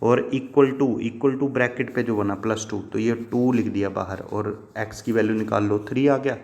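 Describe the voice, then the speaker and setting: A man's voice: on the low side, fairly even intonation, normal speed, gravelly, darkish tone. A man teaching chemistry in a patient, repetitive way, asking questions and answering them himself and addressing his students fondly as children. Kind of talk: classroom lesson explanation.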